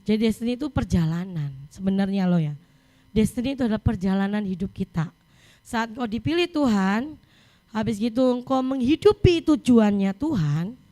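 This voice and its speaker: A middle-aged woman preacher delivering a sermon, telling personal stories in a lively way. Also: mid-range voice. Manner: lively storytelling, mixing in English scripture reading.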